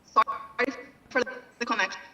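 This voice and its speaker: A woman's voice: moderate pace, bright, forceful tone, lo-fi sound. A woman joining a panel remotely over a poor connection, her audio breaking up as she keeps checking that she can be heard. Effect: bad connection, audio dropping out. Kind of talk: connection check on a video call. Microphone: video call. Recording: echoey, distant video call audio.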